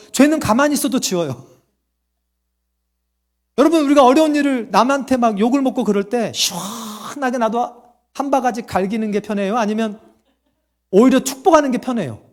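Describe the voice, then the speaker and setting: A man preaching a sermon as pastor, asking the congregation questions and answering them himself, and acting out quoted voices. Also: extremely high pitch.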